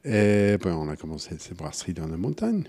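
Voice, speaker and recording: Guest brewer: man, low mellow voice, halting speech that trails off softly, casual interview. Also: big pitch swings. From United States (Kansas). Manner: halting, many restarts and fillers, trailing off quietly.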